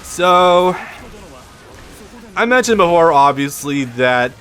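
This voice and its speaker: A man's voice: on the high side, expressive, slow, fairly bright tone, faint music behind. A man with a lisp giving casual, rambling gameplay commentary as a let's play host, swearing freely and restarting his sentences often. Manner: rambling, profane, frequent restarts.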